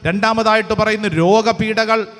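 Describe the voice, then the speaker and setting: A man's voice: high voice, fairly even intonation, moderate pace, a bit bright. A priest preaching a charismatic sermon, telling stories and leading his congregation in call-and-response prayer. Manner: storytelling, then rousing the congregation to clap and pray. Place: large church hall. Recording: long hall reverb.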